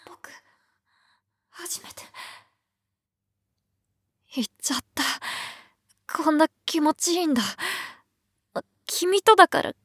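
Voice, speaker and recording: A woman's voice: high-pitched, slow, long pauses, no room sound, clean studio sound. A young woman voicing a new girlfriend with boyish speech, talking intimately in panting, often whispered lines in an audio role-play.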